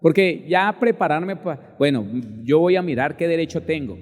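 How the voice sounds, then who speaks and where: A male pastor preaching a sermon emphatically, spelling out words slowly and addressing listeners directly. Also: a little high, long reverb tail.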